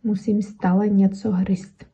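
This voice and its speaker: A woman voicing a small mouse with itching teeth that must always gnaw something, speaking slowly, emphatically and matter-of-factly. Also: mid-range voice, level tone, mellow, slightly rough, highs cut off. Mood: blunt.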